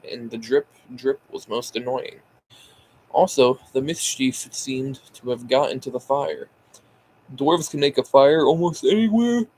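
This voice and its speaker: A man's voice: medium pitch, a little hiss or hum, low-quality recording. Tired man reading a book aloud, sighing. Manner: sighing, stumbling over words and correcting himself. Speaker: amateur audiobook reader. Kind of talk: casual amateur book reading.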